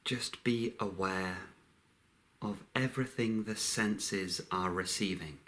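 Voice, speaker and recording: In a lowish voice, a man guides a meditation calmly and without hurry, leaving long pauses between short phrases.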